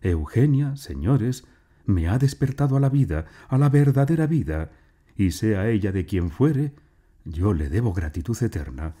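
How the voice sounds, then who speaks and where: A man playing an earnest lovesick gentleman. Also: on the low side, big pitch swings, a little slow, breathy edge, pitched above the performer's own voice, heavily acted. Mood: solemn. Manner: earnest, solemn.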